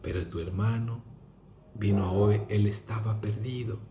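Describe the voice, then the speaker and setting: A man's voice: lowish voice, steady tone, a little slow, heavy background noise, natural voice. A man voicing a loving father who reassures and welcomes his son, in a roomy echo. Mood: gentle. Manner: warm, reassuring. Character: loving, joyful old father.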